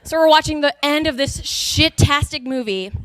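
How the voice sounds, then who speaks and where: A young woman from Texas doing a stand-up comedy routine, telling animated stories and slipping into character voices. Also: high voice, moderate pace, dry recording.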